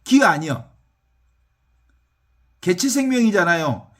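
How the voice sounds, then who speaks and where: A middle-aged man preaches in a folksy, animated manner, often turning to his listeners to ask whether they agree. His voice sits high and swings widely in pitch as he talks. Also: slow. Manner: animated, folksy, asks listeners "right or not?". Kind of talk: sermon with text reading.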